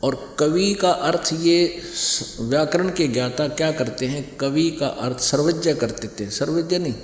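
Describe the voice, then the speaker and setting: Male preacher, higher voice, emphatic scripture-quoting sermon, echoey reverberant hall. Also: unhurried. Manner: repetitive, emphatic, cites scripture verse by verse. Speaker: spiritual preacher. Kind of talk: religious discourse.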